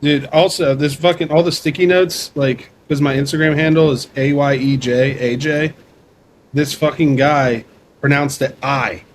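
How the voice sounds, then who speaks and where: A man's voice: on the high side, fairly even intonation, normal speed, slight background noise. A man co-hosting a podcast, bantering loosely and swearing in casual chat. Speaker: podcast co-host.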